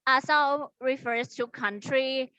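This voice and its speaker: A woman's voice: high-pitched, slow, sharp tone, clear, resonant tone, dry recording, muffled recording. A woman student from Thailand, native Thai speaker, asking careful, hesitant questions in a beginner class over a video call. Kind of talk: beginner language practice.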